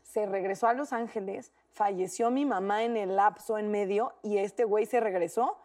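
A young Mexican woman co-hosting a talk show, telling a story in a lively, slangy way and acting out the quotes. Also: medium pitch, moderate pace, recorded from a distance. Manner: animated, slangy, acts out quotes. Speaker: co-host.

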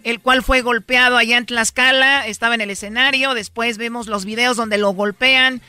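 A Mexican woman hosts a comedy podcast, playing a teacher who teases and scolds her pupils. Her voice sits fairly high and sounds very bright and sharp, with bursts of loud laughter. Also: steady tone, normal speed, clean tone, dry recording. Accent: Mexican Spanish.

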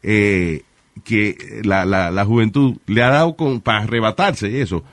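A man hosting a comic radio talk show, switching between Spanish and English with a joking, animated delivery. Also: lowish voice, unhurried, dry recording, clean studio sound. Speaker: radio host.

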